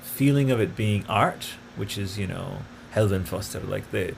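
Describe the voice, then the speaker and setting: A man with a fairly low voice hosts his own podcast, rambling eagerly from one tangent to the next. He speaks in a loose, casual way with plenty of fillers. A faint background noise sits under the recording. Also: moderate pace, gravelly. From grew up partly in Italy. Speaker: podcast host. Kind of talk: casual solo podcast talk.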